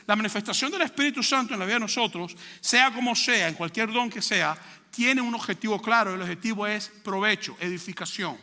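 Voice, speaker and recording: A man with a fairly high, very bright voice preaches from the pulpit. He talks conversationally and often stops to ask the congregation whether they follow him. His voice carries a long reverb from the church hall. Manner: conversational preaching with frequent rhetorical questions. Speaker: pastor. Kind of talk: sermon. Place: church sanctuary.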